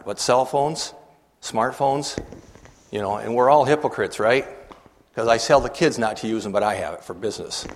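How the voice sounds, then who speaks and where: An older man gives an earnest, halting talk to a gathered audience, often restarting his words and putting questions to the room. His voice sits at an ordinary pitch for a man. Long reverb from a large hall trails after each phrase. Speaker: church committee member speaking at a meeting.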